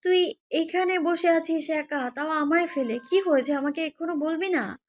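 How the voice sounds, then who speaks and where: A woman doing a high teasing college girl. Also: moderate pace. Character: young college girls Dipa and Akhi, teasing and tense. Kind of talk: Bengali audio story acting.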